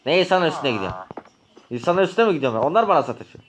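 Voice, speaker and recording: A man's voice: a little high, lively intonation, very fast, noisy background, voice pushed up, natural voice. A man voicing a touchy, hot-headed young man in a Minecraft role-play, indignant and argumentative.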